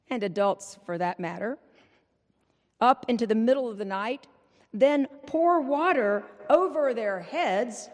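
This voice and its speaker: A woman's voice: fairly high pitch, darkish tone. Woman preacher at a pulpit microphone. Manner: measured, rhythmic preaching with repeated refrains. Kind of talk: Easter Vigil sermon. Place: large church. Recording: long church reverb.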